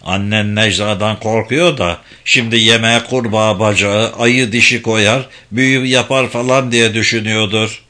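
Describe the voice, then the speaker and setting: A man voicing a blind, gruff, foul-mouthed old village father who bellows curses in a storybook reading. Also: on the low side, fairly even intonation, moderate pace, few pauses, pushed and bright. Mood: chuckling teasing. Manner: bellowing, cursing, then chuckling.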